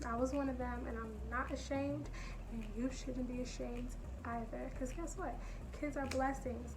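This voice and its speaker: A woman's voice: fairly high pitch, background noise. A woman in her twenties telling a personal story time for her channel, chatty and candid with rambling asides. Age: 20s. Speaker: vlogger.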